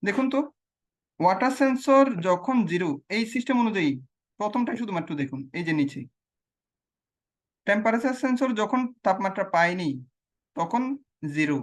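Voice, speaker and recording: Male tutor; patient self-quizzing explainer who restates every point. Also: high-pitched. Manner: asks questions and answers them himself, repeats key phrases. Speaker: teacher. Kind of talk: explaining logic gates on a screen demo.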